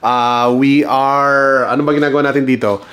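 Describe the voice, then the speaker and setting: Here the same kind of speaker, a thirtysomething travel vlogger with a Filipino accent, jokes around casually while switching between Tagalog and English. His voice is mid-range, steady and moderately paced with a fairly bright tone, and there's a little hiss or hum. A handheld camera or phone at arm's length captures him in hotel rooms, malls, streets and restaurants.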